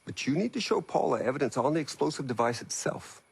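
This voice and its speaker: An actor playing a calm, persuasive male scientist in video game dialogue. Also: fairly high pitch, fast talker, creaky, husky, heavily acted.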